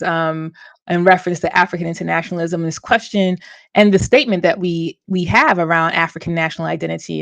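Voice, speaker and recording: Casual woman livestream host, lowish voice, dry close sound, loose and conversational. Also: creaky, no room sound. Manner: conversational, many fillers and restarts.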